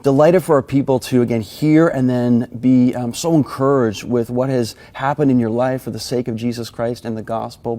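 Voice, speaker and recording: Guy hosting an interview, mellow voice, keen and encouraging, kinda rambly. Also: mid-range voice. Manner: eager, affirming, talks in loose restarts. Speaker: interview host. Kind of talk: studio interview.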